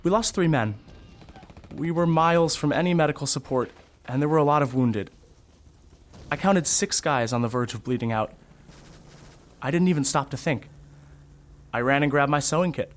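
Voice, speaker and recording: In an audio drama with music behind the voice, a male actor with a slightly high voice plays a candid, wry theatre costume designer who's also a Vietnam veteran. His lightly acted delivery is measured, grave and reflective.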